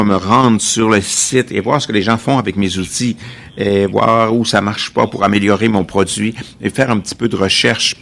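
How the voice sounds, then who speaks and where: Male live interpreter, creaky low voice, technical conference delivery with stop-and-start phrasing. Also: fairly bright tone.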